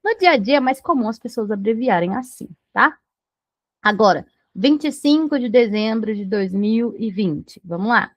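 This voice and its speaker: A woman's voice: on the high side, lively intonation, normal speed, no room sound. A Brazilian woman teaching English to beginners, patiently explaining pronunciation and checking in with the learner after every point. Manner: patient, repeats checks like "tá bom?".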